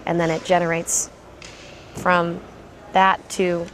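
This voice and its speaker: A woman's voice: fairly low pitch, little pitch movement, takes it slowly, a little hiss or hum, rough recording. A woman talking as a lead actress about her character in a behind-the-scenes interview, thoughtful and reflective.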